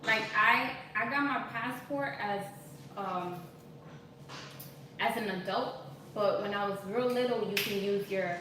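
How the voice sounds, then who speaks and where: A woman in her thirties hosts a cooking live stream from her home kitchen, chatting casually and reading viewer comments aloud. Her voice is medium-pitched and unhurried with long pauses, picked up by a distant mic in an echoey, noisy kitchen.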